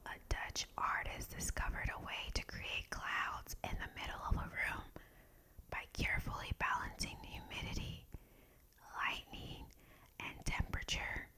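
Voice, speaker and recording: Whispering woman, slow ASMR delivery. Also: bright, forceful tone, low-quality recording. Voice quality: breathy unvoiced whisper. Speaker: ASMR video host. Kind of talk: ASMR whispered reading of fun facts.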